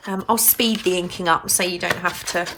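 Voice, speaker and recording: A woman's voice: on the low side, fairly even intonation, fairly quick, background noise. A middle-aged woman with a Suffolk accent, giving a casual craft demonstration and half murmuring to herself as she works. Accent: Suffolk English. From Suffolk, England. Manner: informal, murmuring to self while working. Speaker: craft tutorial host. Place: indoor craft desk.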